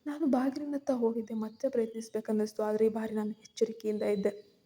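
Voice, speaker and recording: Female storyteller, tense and fearful first-person narration, soft dark tone. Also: on the high side, flat delivery, fast.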